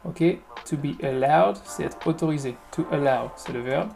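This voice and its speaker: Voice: mid-range voice, moderate pace, vocal fry, darkish tone. Online English lesson host, step-by-step explanations in French, music bed audible. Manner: patient, explains step by step and repeats words. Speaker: English teacher.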